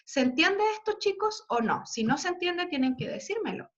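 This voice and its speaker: A high-pitched woman teaches a class, walking through examples step by step and pausing often to check that her students follow. The recording is dull and lo-fi. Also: very animated. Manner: checks understanding often with tag questions; patient, spells out examples slowly. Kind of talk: classroom lesson explaining poetry.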